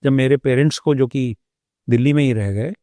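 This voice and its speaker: A man, a doctor, telling his personal story as an interview guest, thoughtful and unhurried, with pauses and hesitations. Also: medium pitch, mellow, no room sound, studio quality.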